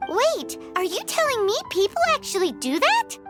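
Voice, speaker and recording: A woman voicing a tiny, excitable fairy-like companion who talks about herself in the third person. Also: very high-pitched, moderate pace, loud music behind the voice. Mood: curious. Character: tiny chirpy floating fairy-like companion girl.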